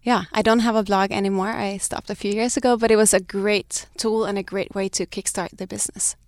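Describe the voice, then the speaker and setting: In a dry, studio-quality recording with no echo, a Swedish-raised woman in her thirties answers interview questions as the founder of a fashion brand. Her medium-pitched voice is steady and brisk. Her first language is Danish or Swedish, and she sounds reflective, often restarting sentences and laughing lightly.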